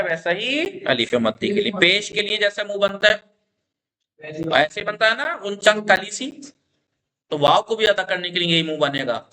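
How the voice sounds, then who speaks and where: A man's voice: sits high, sharp tone. A man teaching a classroom lesson on Quran recitation. He explains patiently, demonstrates the vowel sounds aloud, and checks often that his students follow.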